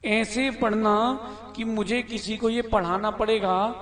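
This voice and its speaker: Slow, high-voiced teaching monk. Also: male voice, steady tone, fairly bright tone. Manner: instructive, quizzes listeners by name and corrects their pronunciation. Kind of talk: scripture class sermon. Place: temple hall.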